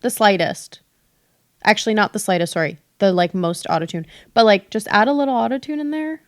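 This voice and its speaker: A young woman co-hosting a podcast, an animated storyteller who swears freely in casual chat. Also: medium pitch, a little fast, no room sound, clean studio sound. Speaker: podcast co-host.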